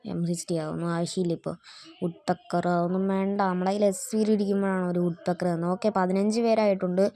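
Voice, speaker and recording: A woman's voice: fairly low pitch, little pitch movement, quick pace, mellow. A woman hosting a gaming channel, giving casual gameplay commentary and chatting to viewers as she plays. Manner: chatty, keeps addressing viewers as guys.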